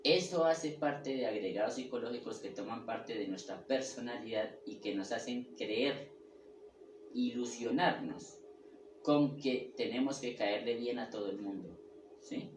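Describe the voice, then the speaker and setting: A man teaches a spiritual class in a halting, repetitive way, often pausing to check that his listeners follow. He sounds echoey and set back from the mic, with a faint hum of room ambience behind him. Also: mid-range voice, recorded from a distance. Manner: halting, with restarts and repeated words. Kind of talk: lecture on the ego and personality.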